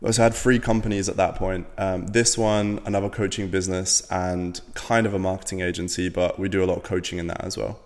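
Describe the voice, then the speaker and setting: A man's voice: low-pitched, little pitch movement, a little fast, few pauses, big-room sound. A young man from Latvia, a podcast guest, chatting casually in a rambling way with lots of fillers and the odd swear word. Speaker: podcast guest, business owner.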